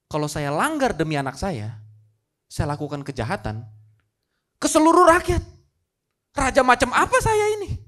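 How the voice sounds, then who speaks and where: A man voicing a grieving old king who sentences his own son, shifting between pleading and stern. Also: a little high.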